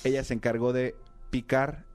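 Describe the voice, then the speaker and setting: A man with a Mexican accent, co-hosting a casual comedic chat and telling a story in an animated, jokey way with plenty of fillers. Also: mid-range voice, moderate pace, soft background music. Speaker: podcast co-host telling a news story.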